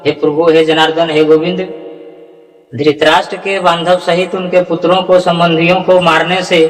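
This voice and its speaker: A man with a fairly high, flat voice explaining scripture pronunciation in a slow lesson. He stretches each syllable as he chants, and in between he speaks sternly, correcting other people's mistakes. The voice carries a long, echoing reverb. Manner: slow, deliberate, drawn-out syllable-by-syllable chanting of verses. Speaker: Gita recitation teacher.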